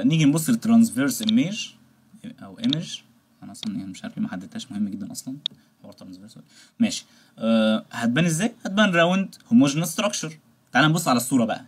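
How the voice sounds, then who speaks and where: A man with an Egyptian Arabic accent giving a rapid exam-prep lecture, mixing in English terms and often checking if listeners follow. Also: medium pitch, a little hiss or hum. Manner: rapid, explaining with many check-ins and asides. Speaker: veterinary lecturer.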